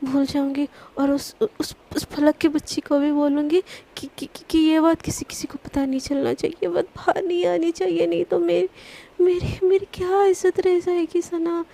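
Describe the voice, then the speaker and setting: A woman's voice: very high-pitched, level tone, normal speed, vocal fry, warm tone. A woman doing Sana, a stammering flustered young woman. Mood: panicked. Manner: stammering, repeating words.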